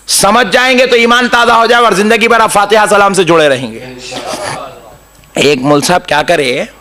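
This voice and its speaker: A male preacher delivers a sermon through animated stories. His voice sits high and sounds bright and forceful, and he keeps turning to the crowd with questions. At times he slips into a sung, melodic recitation. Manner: lively storytelling, calls out to the congregation; chants Arabic verses in a melodic recitation.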